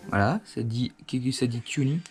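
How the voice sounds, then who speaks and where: Music plays in the background while an animated man with a mid-range voice speaks at a moderate pace. Indoors at home, this motorcycle gear review host demonstrates a product hands-on, explaining it in a casual, conversational manner.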